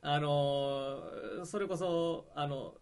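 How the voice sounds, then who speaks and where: A man's voice: on the high side, fairly even intonation, extremely slow. A man co-hosting a podcast, speaking politely and laughing along in casual chat. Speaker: podcast co-host.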